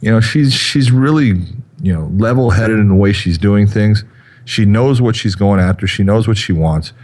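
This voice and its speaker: A man in his fifties talks on a podcast with a lowish voice, rambling from thought to thought and padding his lines with fillers. He sounds easygoing and conversational. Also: lively intonation, moderate pace, a little mellow. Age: 50s. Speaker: podcast co-host. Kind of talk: casual chat.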